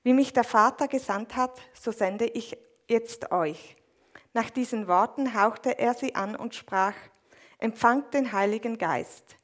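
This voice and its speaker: A woman reading a Bible passage aloud in a measured, even way, then interpreting a sermon line by line. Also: fairly high pitch. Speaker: scripture reader and interpreter.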